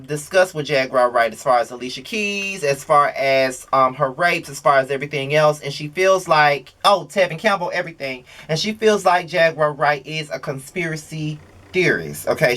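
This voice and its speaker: A man's voice: fairly high pitch, sharp tone. A man hosting a gossip commentary vlog in a conversational, opinionated way, with slang and rhetorical questions. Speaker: host of a gossip commentary show.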